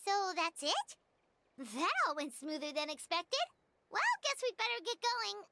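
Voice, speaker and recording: A woman's voice: very animated, unhurried, gravelly, heavy background noise, full character voice. A woman voicing a tiny, childlike, chirpy fairy companion in a video game. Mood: curious. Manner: squeaky, chirpy, refers to self by name. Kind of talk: scripted game character acting.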